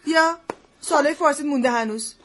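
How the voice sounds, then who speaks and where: A woman playing a sharp-tongued mother who scolds her son, in a scripted family drama. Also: high voice. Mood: scolding. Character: nagging but curious mother, wife of an online trader.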